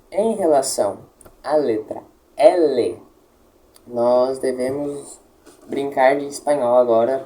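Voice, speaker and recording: A man gives a Latin pronunciation lesson in a dark, mellow voice. He talks slowly and patiently, spelling out each sound and checking that his listeners follow. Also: a little high, rough recording. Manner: patient, explains slowly, checks with "tá?" and models words. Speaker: Latin teacher.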